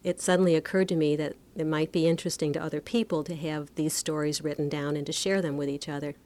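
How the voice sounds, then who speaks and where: A woman speaking casually and reflectively about her book, halting now and then with fillers. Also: sits low, level tone, a little mellow. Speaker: book author. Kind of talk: casual interview talk.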